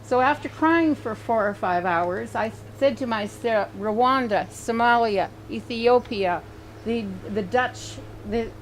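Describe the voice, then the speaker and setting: An older woman reverend opens a memorial service outdoors, talking in an informal, conversational way with occasional fillers. Her voice sits fairly high, with faint hiss and open-air ambience behind it. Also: takes it slowly, rough recording. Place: outdoor garden at her home.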